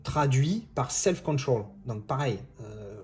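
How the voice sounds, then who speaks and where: A man's voice: mid-range voice, lively intonation, slow, a little mellow, faint music behind. A man talking casually in a vlog monologue, rambling with many restarts and exasperated asides. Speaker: video creator.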